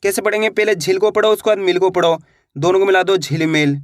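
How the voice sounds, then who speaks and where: A man teaching Hindi reading online, sounding out words slowly syllable by syllable and repeating each rule. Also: high voice, fairly even intonation, no echo, studio quality. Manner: slow syllable-by-syllable drilling, repeats rules.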